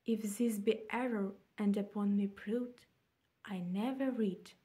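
A young woman reciting a sonnet aloud in a measured way with pauses, recorded in a room at home. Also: medium pitch, fairly even intonation, mellow. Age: young adult. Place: small indoor room at home.

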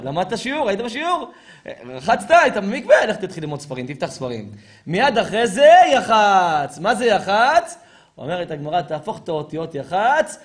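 High, animated preaching rabbi, a man. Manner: animated, fires rhetorical questions and answers them himself. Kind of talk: lively sermon to a live audience.

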